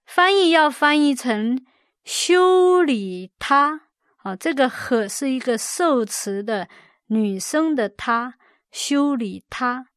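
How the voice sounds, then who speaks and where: A woman teaching a Bible word study, explaining slowly and carefully, repeating key words and adding gentle fillers as she goes. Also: sits high, lively intonation, clean tone, no room sound, studio quality. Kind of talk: scripted word-study lesson.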